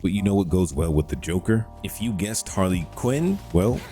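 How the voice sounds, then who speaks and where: Man, low mellow voice, casual slangy game video narration, laid-back host, faint music behind. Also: animated, moderate pace. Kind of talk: casual scripted showcase narration.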